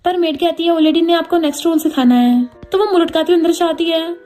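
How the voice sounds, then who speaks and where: Rapid high-voiced woman recapping a drama. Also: mellow. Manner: retells every character's lines in her own voice with quick Hindi-English mixing. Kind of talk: fast storytelling recap of a drama. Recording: faint background music.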